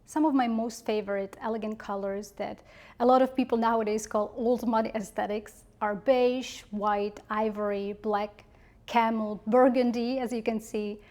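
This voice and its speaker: A woman giving polished instructional advice as an etiquette coach, with prim, measured, precise enunciation. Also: on the high side, fairly even intonation, darkish tone.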